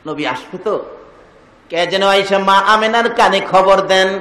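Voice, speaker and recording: Man, sermon preacher, sing-song, loud calls and hushed lines, bright tone, echoey loudspeaker hall. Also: high-pitched, normal speed, a little hiss or hum. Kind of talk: Bengali waz sermon.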